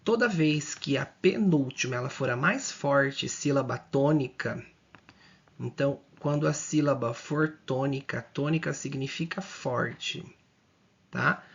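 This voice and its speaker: Gravelly husky male teacher, lo-fi sound. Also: mid-range voice. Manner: explains slowly and repeats, drawing out words, checking in often. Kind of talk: exam-prep grammar lesson.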